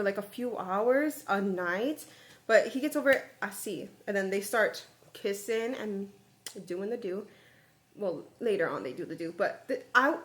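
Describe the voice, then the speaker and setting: A young woman vlogging about a book she is reading, animated and chatty, with lots of "like" and "babe". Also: medium pitch. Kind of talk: casual book reaction rant.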